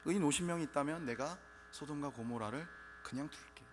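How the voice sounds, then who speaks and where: A man voicing God as a calm, indulgent figure who gives way to a plea in a retold dialogue, speaking easily and concedingly. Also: on the high side, brisk, noisy background, close to an everyday voice. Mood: relenting. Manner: easygoing, conceding. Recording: reverberant church hall, faint music.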